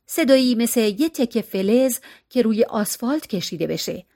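A woman narrating a story in a steady storytelling voice, shifting expressively from line to line. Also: fairly high pitch. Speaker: audiobook narrator.

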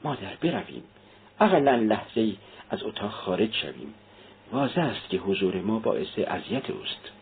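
A man's voice: lowish voice, big pitch swings, slight background noise. A man voicing a tense, restrained young sister. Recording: tinny phone-like sound.

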